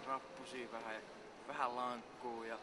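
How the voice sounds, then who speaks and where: A man's voice: mid-range voice, little pitch movement. A man with giving a comic mock interview, casual, boastful and swearing. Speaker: mock athlete being interviewed. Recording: outdoor street noise.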